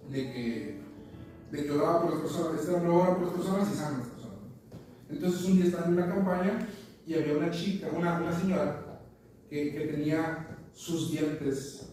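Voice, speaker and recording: A man's voice: on the high side, warm tone. A man preaching a sermon, telling stories and repeating words as he searches for them. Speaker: pastor. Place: church meeting room. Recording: echoey church room from far off, faint noise.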